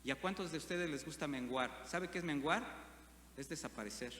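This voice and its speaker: A man preaches a sermon, often putting questions to the congregation. His voice is bright and forceful. It rings through a roomy church hall with a long echo and a faint hum behind it. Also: on the high side, fairly quick. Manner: asks the congregation frequent rhetorical questions. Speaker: pastor.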